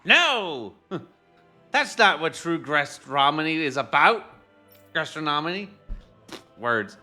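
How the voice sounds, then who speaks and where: A man's voice: a little high, very animated, slow, pushed and bright, faint music behind, full character voice. A man putting on a pompous, lofty foodie chef.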